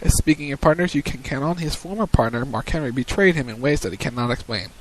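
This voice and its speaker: A man's voice: medium pitch, animated, quick pace, rough recording. A man co-hosting a wrestling post-show on web radio, recapping segments and calling matches like a commentator. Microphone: studio mic on a web radio show.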